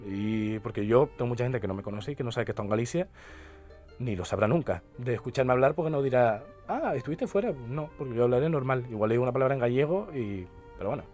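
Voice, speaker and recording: A man's voice: medium pitch, fast talker, darkish tone. A young man with a Canarian accent, a linguist and poet talking as a radio guest, explaining at length and often adding tag questions. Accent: Canarian Spanish. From Canary Islands. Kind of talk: radio interview conversation. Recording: radio studio with faint music behind.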